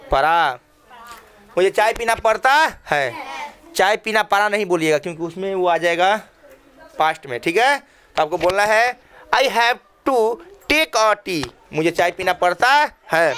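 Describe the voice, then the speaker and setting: In a classroom, a man with a high, slightly bright voice and a Bhojpuri-tinged Hindi accent teaches children English, asking questions and repeating phrases for the class.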